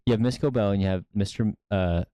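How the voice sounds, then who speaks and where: Young guy with a lowish mellow voice, rambles on a podcast, lots of likes. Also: fast talker, no room sound. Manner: rambling, hesitant, lots of likes and you knows. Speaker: podcast co-host. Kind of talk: casual chat.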